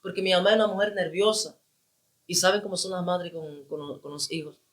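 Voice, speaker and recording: A man's voice: high voice, fairly even intonation, brisk. A man, an evangelist giving his personal testimony with emotion and repeating phrases for emphasis.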